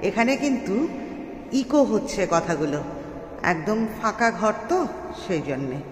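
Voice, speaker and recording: A woman vlogger giving a slow, admiring tour and reading wall quotes aloud, her voice echoing strongly through a large empty hall. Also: mid-range voice, sing-song. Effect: strong echo of a large empty hall. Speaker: travel vlogger. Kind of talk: casual guided tour narration. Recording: echoey empty hall, long reverb, faint hiss.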